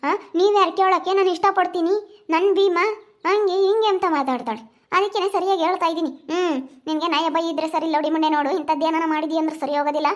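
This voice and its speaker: Woman as a shrill scolding village mother. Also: fairly even intonation, fast talker. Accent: rural Chitradurga Kannada. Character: scolding village mother, sharp-tongued, protective of son. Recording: muffled lo-fi recording.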